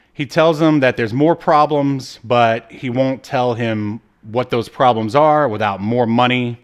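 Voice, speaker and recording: This podcast co-host has a medium-pitched, clean-toned male voice. He recaps a TV episode in casual chat, rambling and tossing in jokey asides.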